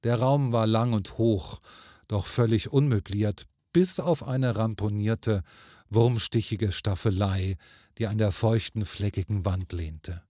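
A man narrating a ghost story in a measured, grave manner. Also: on the low side, dark tone, dry recording, clean studio sound.

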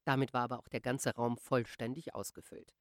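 A woman narrating a literary audiobook in a measured, expressive storytelling manner on a close microphone. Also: a bass voice, dry recording. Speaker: audiobook reader.

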